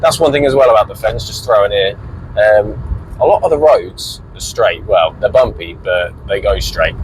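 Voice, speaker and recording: A middle-aged man talks casually from inside a moving car. His voice sits on the low side and he rambles along with mild swearing. A faint hum of engine and road noise stays underneath. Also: moderate pace. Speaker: vlogger. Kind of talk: casual driving commentary.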